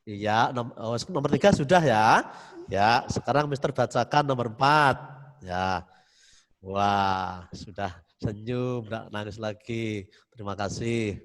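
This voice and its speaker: A man's voice: lowish voice, slow pace. A male religion teacher giving an online class to young pupils over a video call, patient and soothing, dictating and repeating "ya" often. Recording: roomy, long reverb.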